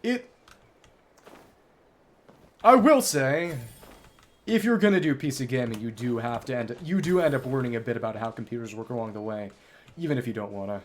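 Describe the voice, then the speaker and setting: A man's mid-range voice moves at normal speed, broken by long pauses, as he livestreams a game, musing aloud in bookish words, chatting casually with viewers, and drifting between subjects.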